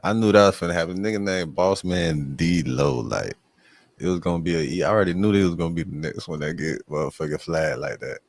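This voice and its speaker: Very deep gravelly man, joking around. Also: fairly quick, no echo. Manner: loose, joking, profane banter. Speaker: host. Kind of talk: casual streamed chat.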